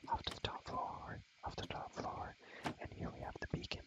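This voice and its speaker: Whispering breathily for ASMR, a young man rambles in casual slang while he shows a game world, quietly repeating phrases, all at a moderate pace.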